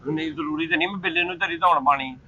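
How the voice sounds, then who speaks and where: A man's voice: on the high side, highs cut off, a crowd in the background. A man playing a chicken shop keeper in a comedy sketch, with a Punjabi accent and a mocking, exasperated way of talking. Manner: mocking, exasperated, quick retorts. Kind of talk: scripted comedy sketch banter.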